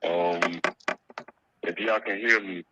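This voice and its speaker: A man calling in to a live show over a phone line that keeps breaking up, talking haltingly and repeating his greetings. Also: deep voice, steady tone, noisy background. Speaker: caller phoning in to a live show. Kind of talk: casual call-in talk. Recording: muffled dry phone line.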